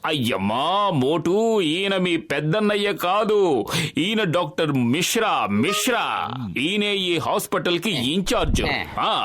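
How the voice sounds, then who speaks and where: A man voicing a pompous, excitable, hapless police inspector in a cartoon dub, given to melodramatic exclamations and oaths. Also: high voice, unhurried, exaggerated voice. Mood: pompous, proud. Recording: loud cartoon music behind. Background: music.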